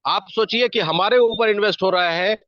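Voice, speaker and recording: A man's voice: sits high, normal speed, no room sound. A man giving a persuasive, repetitive motivational talk as a network marketing team leader. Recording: dull, dry lo-fi sound.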